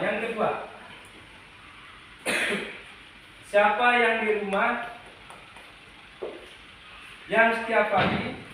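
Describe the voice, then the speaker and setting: A man teaching a class of pupils, asking questions and repeating himself with many restarts and "ya" tags. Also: sits high. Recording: echoey, from far off, noisy.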